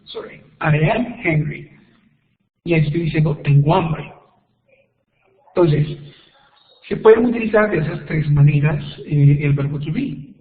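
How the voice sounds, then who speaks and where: A man teaching an online English grammar lesson, explaining slowly and patiently with repeated examples. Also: a little high. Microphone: computer microphone on a web call. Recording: echoey tinny web conference audio.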